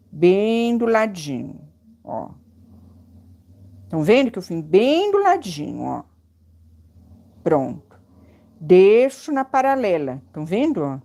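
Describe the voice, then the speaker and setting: A woman's voice: medium pitch, darkish tone. A woman teaching hand embroidery on a live stream, chatty and affectionate. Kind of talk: live-streamed craft lesson.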